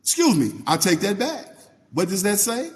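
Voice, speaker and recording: A man reading scripture slowly and then preaching in casual asides, talking to viewers by name and asking them questions. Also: high-pitched, big pitch swings, big-room sound. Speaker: Bible teacher on a livestream. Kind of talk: informal Bible reading and preaching.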